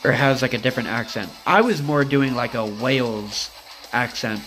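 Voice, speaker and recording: An American man with a medium-pitched voice talks at normal speed on a game stream, rambling and cursing as he replies to his chat. The recording is rough, with music in the background.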